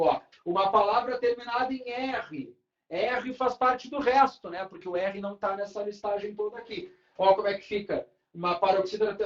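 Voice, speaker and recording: A Brazilian man teaching a live online grammar class at a whiteboard, lively and checking in with students often. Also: sits high, reverberant, lo-fi sound. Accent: Brazilian Portuguese.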